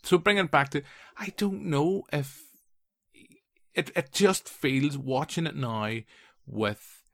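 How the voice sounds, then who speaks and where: A man in his late thirties hosting a casual film podcast, telling stories with quick asides and lively restarts. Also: on the high side, gravelly, no room sound, clean studio sound. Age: 30s. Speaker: podcast host.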